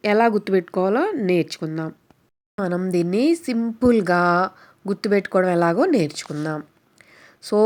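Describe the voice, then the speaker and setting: A woman teaches vocabulary, a first-language Telugu speaker. Her pitch sits in the middle. She spells out example sentences slowly and keeps asking whether her viewers have understood. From Telugu-speaking India. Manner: keeps checking understanding with the listener; slow, careful reading of English example sentences. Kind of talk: explaining lesson to viewers.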